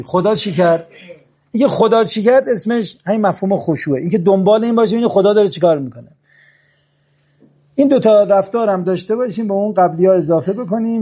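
High-pitched man giving a religious lecture. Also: warm tone. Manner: slow emphatic preaching with Arabic recitations. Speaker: preacher.

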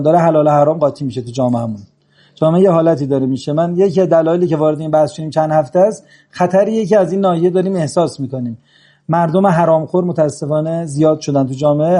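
A man preaching a religious lecture, slow and emphatic, reciting short Arabic verses. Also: a little high, dark tone.

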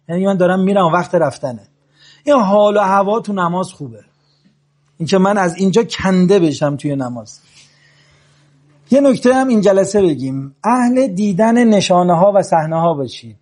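A man preaching a religious lecture, slow and emphatic, reciting short Arabic verses. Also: high voice, a little mellow.

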